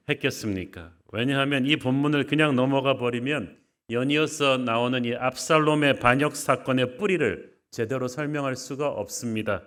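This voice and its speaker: A male pastor gives a Bible sermon at a middle pitch. He talks earnestly and conversationally, turning to the congregation with rhetorical questions as he works through a hard passage. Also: a bit bright. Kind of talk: expository sermon.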